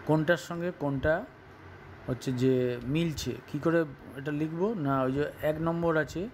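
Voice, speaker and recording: A man's voice: a little high, fairly even intonation, normal speed, a little hiss or hum. A man teaching an online school English class with a Bengali accent, explaining word meanings step by step in English and Bengali. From West Bengal, India. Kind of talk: recorded online class lesson.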